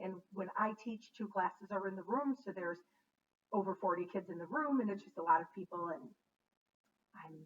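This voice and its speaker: A middle-aged woman who hosts a knitting podcast, chatting casually and rambling as she shows her things, often correcting herself mid-word. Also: medium pitch. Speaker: knitting podcast host and teacher. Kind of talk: casual show-and-tell chat. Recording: distant, dull sound with faint background noise.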